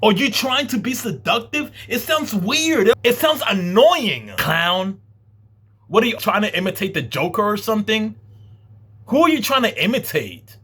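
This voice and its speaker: Man, reaction host, husky, high and lively pitch, exasperated rhetorical questions, profane. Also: unhurried.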